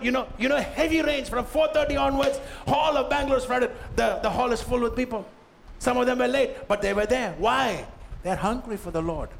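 A man preaching a forceful sermon in a very high voice with a gravelly, rough edge. He fires rhetorical questions at his congregation and has them repeat lines back. Faint background noise sits under his voice. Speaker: pastor.

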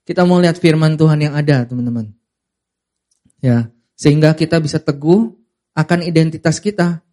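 A young man delivers a sermon to a youth congregation at a moderate pace, animated and emphatic. He climbs to high, forceful peaks, then drops to quiet, serious asides, and leads call-and-response by having the audience repeat lines.

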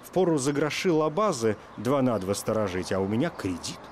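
A man's voice: mid-range voice, sing-song, normal speed, a little hiss or hum, lightly acted. A man voicing a battered, meek dragon in a fairy tale, humble and plaintive.

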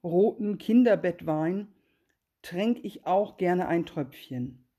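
A woman's voice: on the low side, lively intonation, slow, mellow. A woman voicing a trusting, good-natured little female mouse, eager and wondering.

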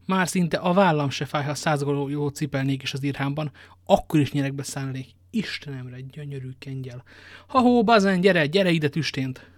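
A man's voice: mid-range voice, no room sound, lightly acted. Brief: a man playing a refined young musketeer, eager and showy, dry close read. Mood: delighted. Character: wounded young male musketeer, vain and elegant.

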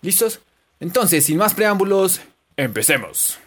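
Playful woman teaching with lively pitch. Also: measured pace, background noise. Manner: playful, chatty, encouraging. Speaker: English teacher. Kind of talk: casual online lesson.

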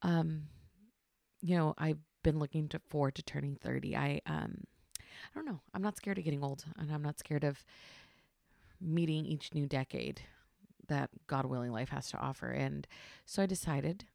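Soft-spoken chatty woman in her thirties, gravelly. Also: low voice, normal speed, dry recording, studio quality. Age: 30s. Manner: chatty, rambling, many fillers; hushed, trying not to be loud. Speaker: podcast host. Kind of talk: casual solo podcast monologue. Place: home at night.

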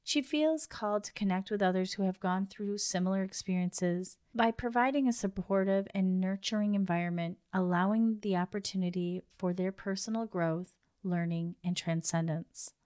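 Smooth and mid-range, this woman's voice moves at a moderate pace with hardly any pauses as she hosts a podcast interview. She warmly reads a scripted guest intro, then shifts to chatting casually with the guest over video call.

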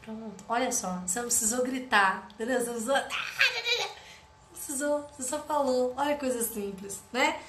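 A woman's voice: high voice, sing-song, moderate pace, fairly bright tone. A woman, a parenting educator teaching live, reading from a book and commenting, often tagging phrases with "né?". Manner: chatty, often ends phrases with "né?". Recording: echoey room.

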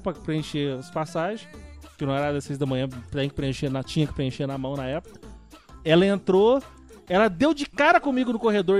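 A man co-hosting a casual podcast, telling a story in an animated way and acting out the dialogue. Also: high-pitched.

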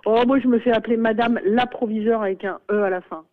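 A middle-aged woman, a school principal, speaks in a radio interview. She hesitates often and drops in lively exclamations. Her voice comes through narrow and phone-like. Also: a little high, fast. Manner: hesitant, many fillers and exclamations.

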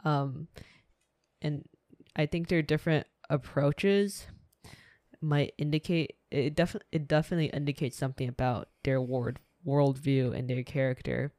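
A woman's voice: low-pitched, fairly even intonation, a little slow, warm tone, dry recording. A woman co-hosting a casual book discussion podcast, retelling scenes and paraphrasing what characters say. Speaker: podcast co-host.

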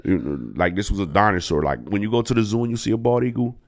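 A man with a lowish voice talks fast as a comedian guest on a casual podcast. He tells exaggerated stories in an animated, joking way, full of slang and swearing.

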